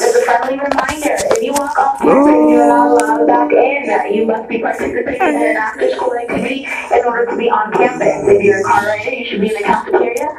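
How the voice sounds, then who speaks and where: A woman's voice comes through a school intercom, slightly high, and heard from a distance in a very echoey hallway. She speaks in slow, measured, instructive announcements. Loud music plays over her. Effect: school intercom loudspeaker. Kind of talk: public address announcements.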